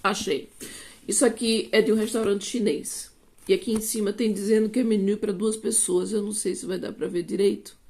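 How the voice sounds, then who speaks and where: A Brazilian woman in her fifties with a Brazilian Portuguese accent, telling a personal testimony to her channel in an animated way. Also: mid-range voice, fairly quick. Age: 50s. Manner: animated storytelling, acting out dialogue. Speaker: vlogger.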